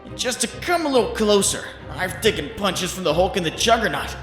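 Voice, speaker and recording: A man's voice: high voice, lively intonation, fairly quick, a bit bright, soft background music. A man playing a cocky, wisecracking young superhero with a quippy manner in a comic book dub. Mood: taunting. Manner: quippy, taunting.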